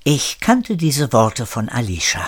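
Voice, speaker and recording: A man reading a children's story aloud in a calm, measured way. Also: medium pitch, slightly rough. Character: old parrot narrator recalling the past. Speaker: narrator.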